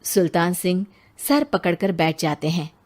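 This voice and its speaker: A woman's voice: fairly low pitch, measured pace, a little mellow. A woman narrating a cartoon horror story in a dramatic storytelling voice.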